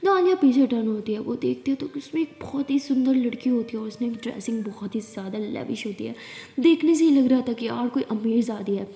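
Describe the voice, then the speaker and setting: A woman's voice: on the high side, brisk, warm tone. A woman narrating a love story in a chatty, casual way, stacking intensifiers. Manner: chatty, with many repeated intensifiers. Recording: echoey room with long reverb.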